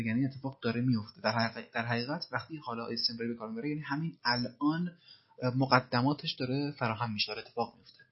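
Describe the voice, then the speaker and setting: A man teaching English, who slowly repeats phrases from film dialogue and then explains them. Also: mid-range voice, breathy edge, lo-fi sound.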